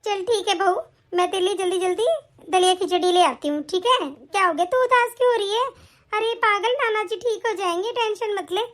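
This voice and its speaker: A woman voicing a caring middle-aged mother-in-law in an animated family story, scolding affectionately and giving brisk instructions. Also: very high voice. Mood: doting.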